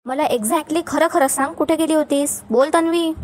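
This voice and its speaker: An angry young husband who keeps pressing his questions, spoken by a woman. The voice is high, with a faint hiss of background noise. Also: moderate pace, darkish tone, lightly acted. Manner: insistent questioning.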